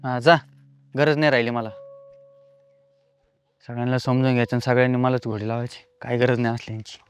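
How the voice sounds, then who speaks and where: Actor as a hot-tempered husband, fast and snapping, middle-pitched voice. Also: male voice, level tone, close to an everyday voice. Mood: defensive. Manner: defensive, snapping, short-tempered. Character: irritable two-timing village husband. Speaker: cheating husband. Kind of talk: comedy film acting.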